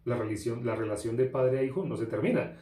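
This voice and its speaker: A man's voice: mid-range voice, quick pace, mellow. A man, preaching a sermon through a story, with emphatic repetition and rhetorical questions. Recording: echoey room.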